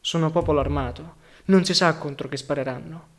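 A man voicing a huge, gruff older male worker in overalls who speaks slowly and grumbles cautious advice. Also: fairly high pitch, lightly acted. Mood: grumbling.

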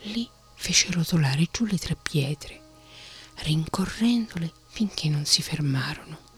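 Whispered bedtime story narrator, breathy and slow. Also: medium pitch, faint music behind. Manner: soft, steady whisper.

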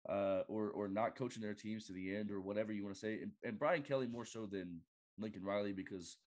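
A man appearing as a guest on a casual sports podcast, talking in halting bursts and often restarting his sentences. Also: fairly low pitch, a little mellow. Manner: halting, lots of fillers and restarts.

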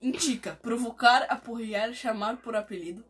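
Woman co-host, slightly high voice, reads definitions then jokes. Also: moderate pace, fairly bright tone, breathy edge. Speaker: podcast co-host. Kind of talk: casual chat, reading out slang definitions.

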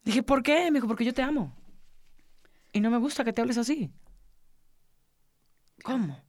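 Una mujer de mediana edad con acento mexicano cuenta su historia con intensidad y voz algo aguda. Imita con viveza los diálogos de otras personas. La grabación es seca y cercana, sin eco. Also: female voice, on the high side, normal speed, dry recording, clean studio sound. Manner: earnest, animated, acts out quoted dialogue. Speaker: podcast co-host, interviewee. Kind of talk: emotional personal storytelling.

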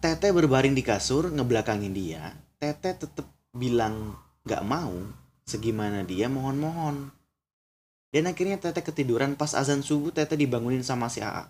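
A man's voice: mid-range voice, lively intonation, moderate pace, darkish tone, a little hiss or hum. A young man narrating a horror story in a casual way, breaking off for chatty asides and crude exclamations.

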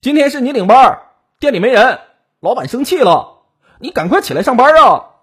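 A man narrating a crime story voices a young male coworker who impatiently shouts through a door. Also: very high-pitched, big pitch swings, brisk, husky, voice pushed up, full character voice. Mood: impatient shouting. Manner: impatient, yelling.

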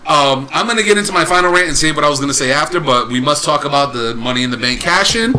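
A man co-hosting a casual wrestling podcast, excitable and swinging between mumbled asides and shouts. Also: on the high side, fast, background noise. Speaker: podcast co-host.

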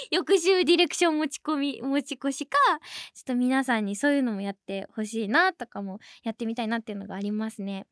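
High, lively young woman host. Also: brisk, dry recording, studio quality. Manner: laughs often while telling stories; lively and chatty. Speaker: podcast host. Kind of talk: casual chat.

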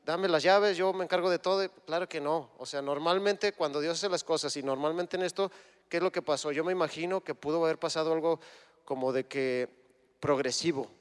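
A man's voice: on the high side, fairly quick, big-room sound. A man giving a conversational sermon, retelling scripture and acting out imagined dialogue. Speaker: guest preacher.

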